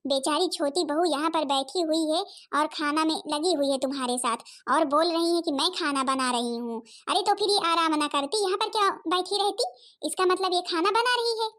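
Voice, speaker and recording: A woman voicing a sharp-tongued, scolding village mother-in-law in a cartoon, nagging and accusing. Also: very high-pitched, normal speed. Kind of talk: cartoon voice acting.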